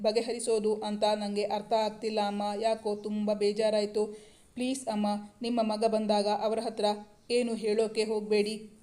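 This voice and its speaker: A woman voicing a young wife who pleads softly with her family. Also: medium pitch, close to an everyday voice. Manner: soft, pleading.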